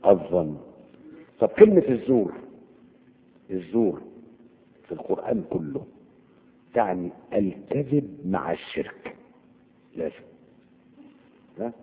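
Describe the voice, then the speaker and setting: A man's voice: low-pitched, sing-song, measured pace, vocal fry, long pauses. A man with an Egyptian Arabic accent teaches the meanings of Quranic words, quizzing his listeners with repeated questions. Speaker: religious teacher. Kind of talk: Quranic vocabulary lesson. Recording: tinny phone-like audio with long hall reverb.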